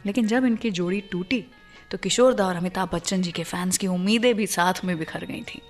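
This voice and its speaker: Speaking a little fast at medium pitch, an Indian-accented female radio host tells stories in a conversational way and addresses her audience directly with emphasis. A music bed of background music runs under her voice.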